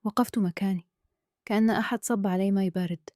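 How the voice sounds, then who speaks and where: A woman with a Kuwaiti accent telling a dramatic first-person story in a soft, earnest way. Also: medium pitch, steady tone, quick pace, no room sound, studio quality. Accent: Kuwaiti Arabic.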